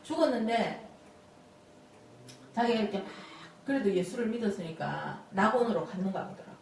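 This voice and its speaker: A Bible study teacher shares folksy testimony stories in an animated, sermon-like way, laughing often. Her mid-range voice has vocal fry and moves at a moderate pace. A distant mic in a very echoey room picks it up, with slight background noise.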